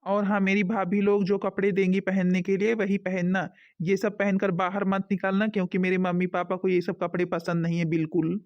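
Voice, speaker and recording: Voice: medium pitch, level tone, brisk, few pauses, a little mellow, lightly acted. Someone playing a young husband taking his wife's side. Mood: reassuring. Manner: pleading, reasoning. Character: young husband defending his new wife. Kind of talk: village family skit acting. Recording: dull lo-fi sound.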